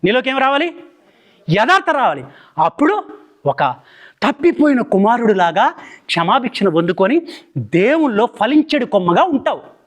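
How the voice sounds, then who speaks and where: A man's voice: very high voice, sing-song, moderate pace, long pauses. A man preaching a fiery sermon in Telugu, firing rhetorical questions at the congregation.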